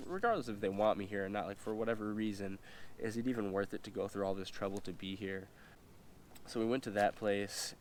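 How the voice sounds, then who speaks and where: Congested and nasal from a cold, a young vlogger with a lowish voice chats his way through a casual story while eating indoors, rambling and slangy, with many fillers. There's a faint hiss or hum in the audio.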